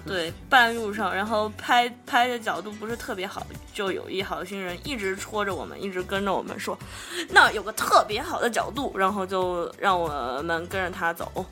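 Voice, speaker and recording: A young woman co-hosting a casual podcast chat, recounting a trip with relaxed, joking banter. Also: mid-range voice, normal speed, hardly any pauses, faint music behind. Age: young adult. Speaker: podcast co-host.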